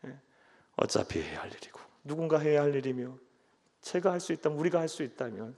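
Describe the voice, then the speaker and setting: Male pastor, fairly high voice, preaching emphatically, long church reverb. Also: gravelly. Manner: emphatic preaching that swings between soft asides and loud exhortations. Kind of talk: sermon. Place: church sanctuary.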